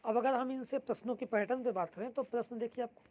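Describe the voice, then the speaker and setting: A woman's voice: on the high side, quick pace, a little mellow. A young woman teaching, steadily explaining an exam syllabus with frequent fillers.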